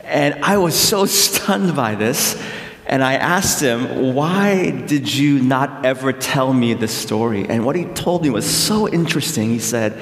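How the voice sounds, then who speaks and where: A middle-aged man, born in South Korea, delivers a conversational sermon full of gentle self-deprecating jokes and thoughtful pauses. His voice rings through a big hall with a long, lingering echo. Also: mid-range voice, lively intonation. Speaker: pastor. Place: large hall. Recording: echoey hall with long reverb.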